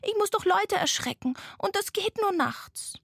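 A woman doing a squeaky sleepy little ghost. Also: animated, measured pace, gravelly, a bit bright, no echo, clean studio sound, full character voice. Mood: plaintive. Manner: squeaky, pleading, yawning.

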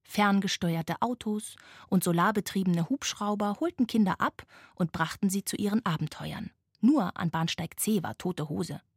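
A woman reading a bedtime story aloud as its narrator, in a soft, slow storytelling manner. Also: mid-range voice, breathy edge, no room sound, clean studio sound.

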